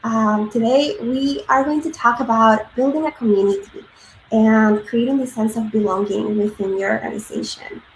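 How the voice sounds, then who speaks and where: Steady in tone and moderate in pace, a fairly high female voice delivers a presentation talk. The speaker, a Peruvian-raised woman in her thirties, is earnest and filler-heavy, and the audio comes from an echoey room with a little background noise.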